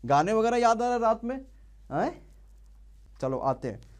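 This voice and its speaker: A man's voice: high-pitched, very animated, unhurried. A young man teaching an online exam-prep class, quizzing students and drilling answers call-and-response style.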